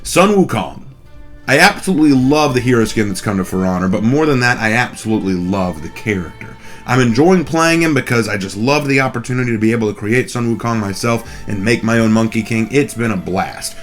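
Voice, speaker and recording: A man's voice: on the low side, a little fast, faint music behind. A man hosting a scripted explainer video, his voice slightly off from a cold. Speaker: video host.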